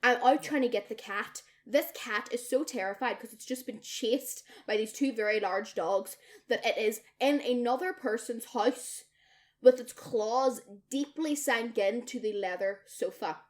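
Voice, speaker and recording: A woman's voice: a little high, measured pace. A young woman co-hosting a podcast, telling a story in casual chat, swearing freely and acting out what people said. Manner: lively, swears freely, acts out quoted people. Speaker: podcast co-host.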